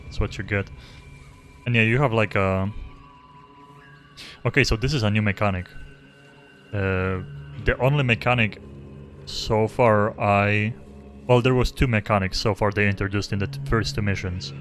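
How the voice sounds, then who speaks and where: A man's voice: lowish voice, normal speed, pauses often, fairly bright tone. A young man giving casual, rambling live commentary as he streams a game, close to a desk microphone. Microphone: close desk microphone without pop filter. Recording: faint game music behind.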